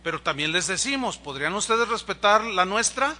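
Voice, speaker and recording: A man's voice: high-pitched, lively intonation, normal speed, sharp tone. A man, a pastor preaching a conversational sermon in a church, asking the congregation rhetorical questions and acting out quoted dialogue. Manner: acts out dialogue in quoted voices.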